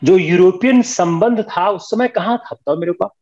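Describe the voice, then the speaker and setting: A man's voice: sits high, normal speed, a little mellow. An older man teaching a history class, firm and scolding, switching between Hindi and English. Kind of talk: classroom lecture. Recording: dull lo-fi classroom recording.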